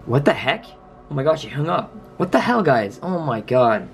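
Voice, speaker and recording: A man hosting a casual vlog, talking in jumpy, scared exclamations and sometimes dropping to a hush. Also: mid-range voice, big pitch swings, normal speed, faint music behind. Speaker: YouTuber host.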